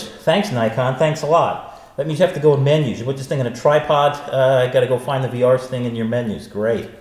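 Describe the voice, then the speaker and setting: Chatty male unboxing host from the United States, exclamatory and wry, mid-pitched, in a big room echo. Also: a little mellow. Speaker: host and gear reviewer. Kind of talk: casual unboxing commentary. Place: untreated echoey room indoors. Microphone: stereo pair of studio microphones. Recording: big echoey room, clear reverb, faint noise.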